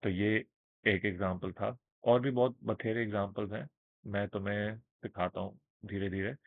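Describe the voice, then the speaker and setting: A man teaching trading in a casual screen-share lesson, speaking slowly and checking in with his listeners often. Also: fairly low pitch, steady tone, creaky, dry recording. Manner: explains with everyday examples, checks in with listeners. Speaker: trading instructor. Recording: narrow phone-like band, dry.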